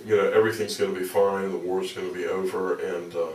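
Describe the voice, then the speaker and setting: Older male interview guest, slightly low voice, repetitive conversational delivery, recorded at a distance. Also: little pitch movement, fast, a little mellow. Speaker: activist and journalist, interview guest. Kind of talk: casual interview storytelling. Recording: echoey room, distant from microphone.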